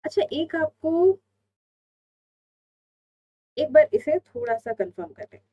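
A woman's voice: sits high, lively intonation, slow, muffled recording. A woman teaching an online exam-prep Hindi lesson, explaining step by step and answering her own questions.

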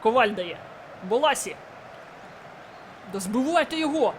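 A man with a very high voice calls his own football video game match as he plays. He talks through every pass, then bursts into shouting when a goal or a chance comes. A faint hiss of noise sits under his voice. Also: measured pace. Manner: excitable, shouts at goals and chances. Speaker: gaming YouTuber. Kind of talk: live game commentary.

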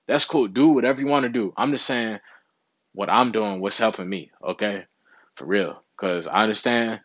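A young adult vlogger sits in a small room, window at his back, casually encouraging viewers about their health and frequently adding "you know what I'm saying." His mid-range voice is a bit bright, and the lo-fi recording has no room sound.

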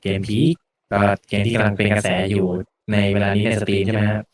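A man's voice: lowish voice, monotone, fast talker. A man hosting a podcast, chatting casually and informally in a joking way. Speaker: podcast host. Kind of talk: casual podcast chat introducing a channel.

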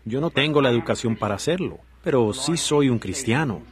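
A man's voice: medium pitch, animated, a little fast. A man giving the Spanish dubbed voice of a preacher, delivering an earnest sermon with many rhetorical asides and direct questions to the congregation.

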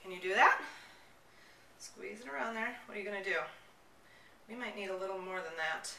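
Speaking briskly with vocal fry, a woman in her thirties gives a casual at-home product demo in her kitchen, enthusiastic and chatty as though addressing children. Her mid-range voice comes across pushed and bright. The distant camera mic makes it roomy, with a little hiss or hum.

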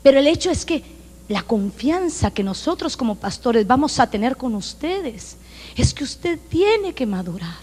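Emphatic Honduran woman preaching in a reverberant church. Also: sits high. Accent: Honduran Spanish. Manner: emphatic, preaching loudly with acted-out quotes. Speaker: pastor. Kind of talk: sermon. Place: church sanctuary. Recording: long reverb of a church hall.

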